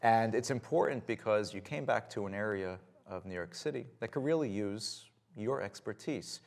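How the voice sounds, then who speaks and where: A man hosting a public television health interview, opening his lines with energetic emphasis. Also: fairly low pitch, normal speed, creaky. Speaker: host.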